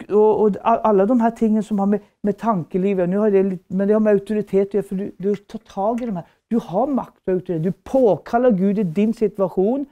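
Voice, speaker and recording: A woman preacher teaches a Bible school class. Her voice is warm and mellow at a middle pitch. She drives her points home with fervent repetition and rhetorical questions. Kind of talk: preaching lecture.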